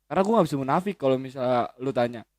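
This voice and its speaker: A man in his 20s chats as a guest, rambling in a slangy style with lots of swearing, restarts, and self-correcting hesitations. His mid-range voice is expressive with a darkish tone, and he talks very fast. The recording is dry.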